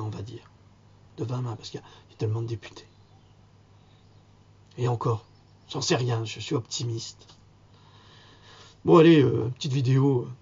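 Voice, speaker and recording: A man's voice: mid-range voice, creaky, breathy edge. A man ranting indignantly in an improvised vlog, rambling from point to point with sudden mocking outbursts. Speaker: vlogger. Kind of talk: improvised angry rant to camera. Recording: dull lo-fi sound.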